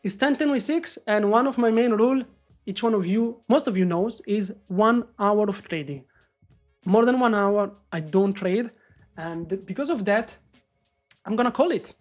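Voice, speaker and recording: A man doing live trading commentary on a stream, excitable and swearing as he talks to the market. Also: high voice, moderate pace, dull audio, soft background music. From Morocco. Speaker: day trader live-streaming.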